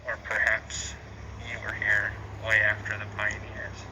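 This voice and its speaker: Low-voiced man questioning spirits, noisy recording. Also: completely flat delivery, measured pace. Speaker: paranormal investigator. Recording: clearly noisy amateur field recording.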